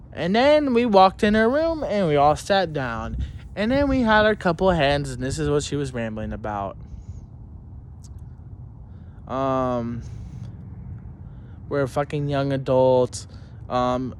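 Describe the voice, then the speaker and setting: A young male student rants angrily to camera about his teachers, rambling, swearing a lot and restarting sentences as he tells a school story. His medium-pitched voice is expressive and a little slow, heated, indignant and mocking, with a slight hiss or hum in the audio.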